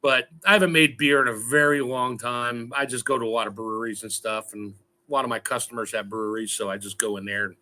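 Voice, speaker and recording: A man joins a casual livestream chat and rambles through a joking story. His voice is bright and forward, with a pitch that sits in the middle of the range. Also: steady tone, fast talker.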